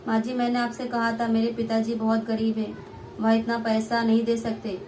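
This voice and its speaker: A fairly high, soft-spoken young bride, voiced by a young woman pleads in a homemade puppet play. Her lines are humble and submissive. A faint hiss runs behind her. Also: monotone, moderate pace, natural voice. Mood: pleading. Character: poor, meek young daughter-in-law.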